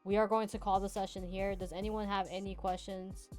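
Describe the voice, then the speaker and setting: A woman's voice: medium pitch, flat delivery, fairly quick, darkish tone, faint music behind. A woman streaming live trading practice, chatting casually with viewers, laughing and answering chat between chart notes. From United States (Hawaii and Virginia). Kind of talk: casual live backtesting commentary.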